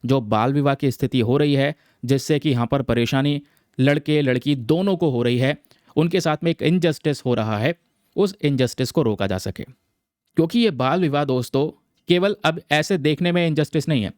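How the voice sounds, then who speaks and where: A fairly high-pitched male teacher speaks at a normal pace with a darkish tone, recorded in clean studio sound with no echo. He chats through a newspaper article for exam students, treating viewers as friends and regularly checking in. English terms pepper his Hindi, and "theek hai" comes up again and again.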